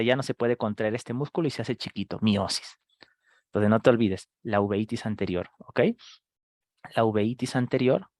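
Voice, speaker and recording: A man teaching a live online medical class, firing quick questions at students and acting out screaming patients. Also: medium pitch, a little mellow, dry recording, studio quality. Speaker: medical lecturer.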